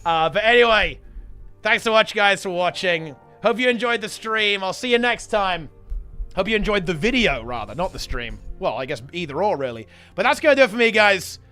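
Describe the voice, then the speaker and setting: Still getting over a sickness, this man streams to his chat in a loose, rambling way, full of gamer slang and repetition; he's a game streamer and video host. His voice is high-pitched and sharp, very animated at a moderate pace, over soft background music.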